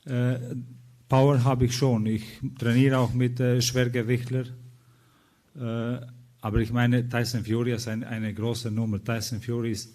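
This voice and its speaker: A man speaking as a boxer at a press conference, measured and hesitant in his answers. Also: mid-range voice, flat delivery, a little mellow. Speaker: professional boxer.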